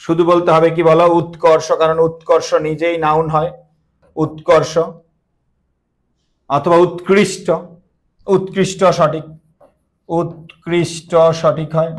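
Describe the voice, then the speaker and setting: A young man with a slightly high voice teaches an online class. He repeats key words with emphasis and keeps quizzing his students. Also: flat delivery, a little slow.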